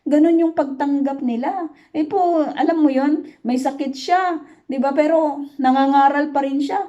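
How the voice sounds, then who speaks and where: A woman leads a Bible study in a high, mellow voice, earnest and persuasive. She keeps checking in with her listeners and slows down to stress the key points. The recording sounds dull and lo-fi. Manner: earnest, asks listeners "di ba?" again and again; mixes English words into her talk.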